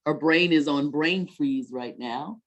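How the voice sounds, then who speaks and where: Hosting story time for children, this woman has a slightly low voice and speaks slowly, and the recording sounds muffled. Her conversational style is that of an encouraging teacher who checks in with questions and repeats back the answers she hears.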